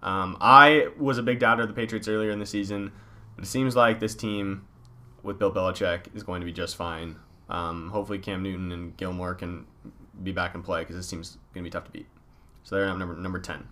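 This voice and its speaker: A man hosts a sports podcast in top ten countdown style. His voice is fairly low and bright, with a forceful edge. He announces each ranking, then chats about it casually. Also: steady tone, fairly quick, slight background noise. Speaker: podcast host.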